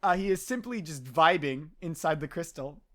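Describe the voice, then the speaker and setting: A woman with a lowish voice narrates a tabletop game as game master. She rambles, filling her descriptions with ums and uhs. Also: animated, normal speed, a bit bright. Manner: rambling, full of ums and uhs, laughs easily.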